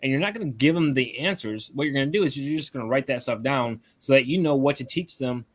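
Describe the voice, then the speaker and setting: A man of ordinary pitch coaches an online group over a video call. He talks in a loose, casual way and keeps checking in with his listeners as he explains each step. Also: quick pace, husky. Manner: casual, tags lines with "right?". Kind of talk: live webinar teaching.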